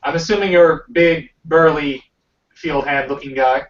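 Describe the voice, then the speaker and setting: Soft-spoken male player, roomy sound. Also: on the high side, steady tone, unhurried. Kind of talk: casual tabletop game talk. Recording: roomy, distant, dull amateur recording.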